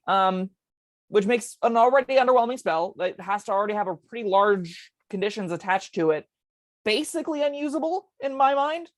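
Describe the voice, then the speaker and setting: A woman co-hosting a casual tabletop game podcast, talking in quick chatty bursts with plenty of ums. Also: mid-range voice, animated, no room sound. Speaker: co-host discussing tabletop spells.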